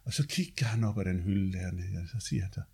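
A man with a deep bass voice telling his life story in a casual, chatty way. He tags his sentences with quick check-ins and swears now and then. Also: creaky, a little mellow, breathy edge.

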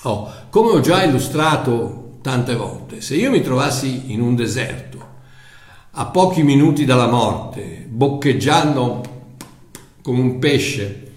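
A man's voice: mid-range voice, expressive, takes it slowly, roomy sound. A man preaching a sermon in a conversational way, often repeating words as he searches for them.

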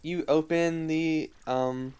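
Game master, mid-pitch, easygoing narration with hesitations. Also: slow, clean tone. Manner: relaxed, hesitant with fillers.

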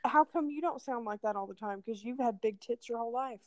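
A young married woman co-hosting a casual podcast, easygoing and quick to giggle. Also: fairly high pitch, dry recording. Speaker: podcast co-host.

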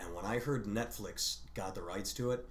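A man's voice: fairly low pitch, normal speed, a little hiss or hum. Profane, opinionated man in an echoey room. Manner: profane, opinionated, animated storyteller. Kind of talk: casual chat.

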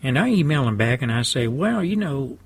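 A man from South Texas hosting a talk radio show from his studio, rambling through a folksy monologue in a fairly even, drawling voice with homespun asides. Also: medium pitch, normal speed, vocal fry, slightly rough.

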